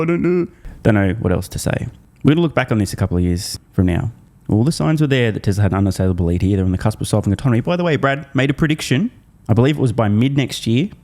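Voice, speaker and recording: A man's voice: lowish voice, a little mellow. An Australian man giving blunt, mocking finance commentary, often sarcastic and swearing.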